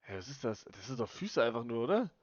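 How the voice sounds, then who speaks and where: A man's voice: medium pitch, big pitch swings, fast, no room sound. A young man live-streaming, chatting casually and mocking chat in blunt street slang with plenty of swearing. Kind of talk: casual live-stream chat, reading unban requests aloud. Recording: dry, slightly dull sound.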